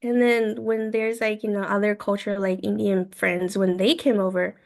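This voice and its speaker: A woman in her twenties from China, a guest telling her story in a casual interview, talking in halting phrases full of "like" and quoted thoughts. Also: medium pitch, little pitch movement, vocal fry. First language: Mandarin. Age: 20s. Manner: frequent "like" and "I was like" quoting, halting phrasing.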